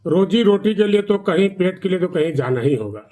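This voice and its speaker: A man's voice: high voice, animated, fairly quick, dark tone. A man voicing a poor old village mother in a folk tale, speaking plainly and pleadingly. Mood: worried.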